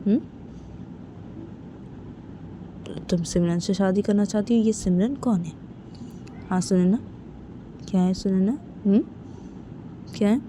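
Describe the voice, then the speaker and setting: A woman's voice: mid-range voice, moderate pace, pauses often, dark tone, slight background noise, natural voice. A woman voicing a wealthy, doting middle-aged father who keeps asking "what is it?" in an amateur spoken story. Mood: stern. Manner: repeats "kya hai" and "haan" after every phrase.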